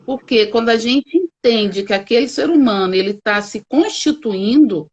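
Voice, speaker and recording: A woman with a Brazilian Portuguese accent and a high-ish, darkish voice speaks at normal speed with lively intonation, heard over a lo-fi video call. She's a children's coach giving explanatory interview answers, making her points emphatically and stretching out key words.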